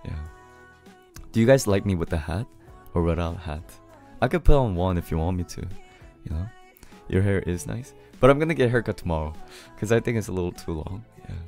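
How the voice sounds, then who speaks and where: Hoarse low-voiced young man streaming. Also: animated, a little fast, long pauses, soft background music. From Korea. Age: 20s. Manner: laid-back, greets viewers one by one, laughs often. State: hoarse from singing too loud. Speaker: live streamer. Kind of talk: casual live stream chat, reading viewer messages aloud. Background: his favorite song playing softly.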